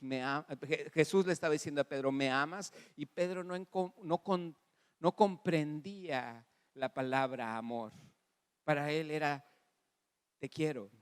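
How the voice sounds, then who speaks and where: A man with a Mexican Spanish accent preaching a sermon as pastor, animated, calling on the congregation to repeat after him. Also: a little high, clean tone. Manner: animated preaching with audience call-and-response; acts out dialogue in varied voices. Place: church hall. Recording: long reverb in a church hall.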